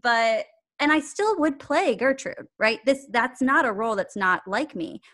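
This acting coach, appearing as a podcast guest, has a slightly high, somewhat bright voice with lively intonation and an unhurried pace. Her casual conversation is earnest and reflective, punctuated by bursts of laughter.

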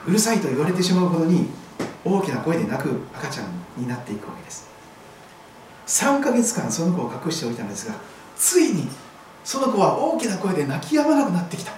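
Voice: medium pitch, big pitch swings, fast talker, darkish tone, slight background noise. A pastor giving a sermon, telling a scripture story vividly. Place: church hall. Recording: very echoey hall, voice far from mic.

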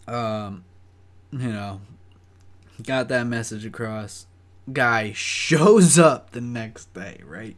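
A young man rambles through a work story at an unhurried pace, his voice in an ordinary middle register. He swears often and loses himself in "uh" and "you know.". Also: mid-range voice. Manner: profane, rambling, full of fillers. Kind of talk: casual storytelling.

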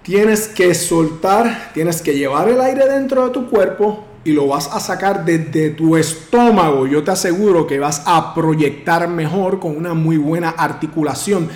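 Man, public speaking lesson, projected emphatic delivery, wide deliberate pitch swings, high voice, echoey room. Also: darkish tone. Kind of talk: instructional talk to camera. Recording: roomy echo.

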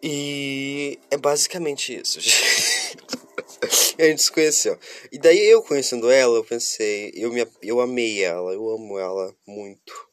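A man's voice: medium pitch, measured pace, dry recording. A man from Curitiba, talking to viewers in a rambling, confessional vlog while stuffy from a cold. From Curitiba, southern Brazil. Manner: rambling, talks straight to viewers. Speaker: vlogger. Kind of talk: casual confessional monologue.

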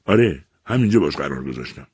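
A combative young woman in her twenties, as a male narrator puts her on, curt and always irritable. The voice sits slightly higher than the reader's own, still husky and close. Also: sing-song, darkish tone, dry recording, heavily acted.

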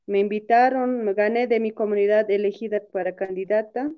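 A woman's voice: medium pitch, fairly even intonation, fairly quick, clean tone, dull audio. A woman who is a council candidate speaks earnestly over a poor-quality call stream, often restarting her phrases in an interview.

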